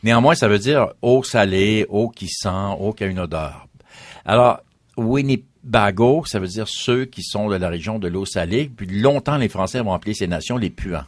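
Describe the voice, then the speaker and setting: A man's voice: lowish voice, animated, normal speed, no room sound. A man, a history guest explaining at length in a radio interview and listing names one after another.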